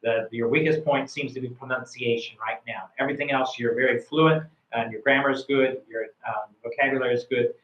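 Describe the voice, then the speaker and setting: A man's voice: medium pitch, steady tone, brisk, few pauses, a bit bright. Man, American accent, middle-aged, tutor, casual rambling speech, many fillers, echoey room, muffled sound. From United States. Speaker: IELTS speaking tutor. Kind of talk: casual live coaching.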